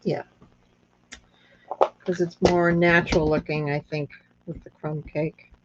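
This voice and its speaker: A woman with a thin, squeaky, reedy voice casually hosting a hands-on craft demonstration, thinking aloud as she goes. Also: little pitch movement, noisy background. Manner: unhurried, thinking aloud with pauses. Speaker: craft tutorial host. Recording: dull lo-fi sound.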